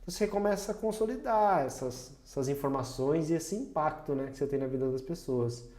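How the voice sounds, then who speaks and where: A man chats on a podcast in a reflective, storytelling way, often breaking into laughter at himself. His voice sounds mellow and dark. The room adds a noticeable echo around him. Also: fairly high pitch, a little fast. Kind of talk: casual podcast conversation. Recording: roomy echo.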